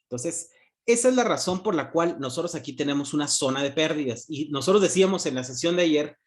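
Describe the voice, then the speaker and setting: Man, online economics lecture, fairly high voice, jokey, asks and answers himself. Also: expressive, fairly quick. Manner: joking, asks questions and answers them himself. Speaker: university economics teacher.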